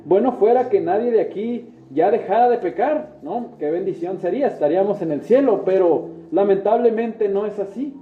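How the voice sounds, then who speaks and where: A man's voice: high-pitched, lively intonation, moderate pace, few pauses. Earnest preacher man, tinny echoey church. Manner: earnest, addresses listeners as brothers, frequent "¿verdad?". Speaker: pastor. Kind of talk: sermon with prayer. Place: church sanctuary. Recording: echoey church room, tinny phone-like sound.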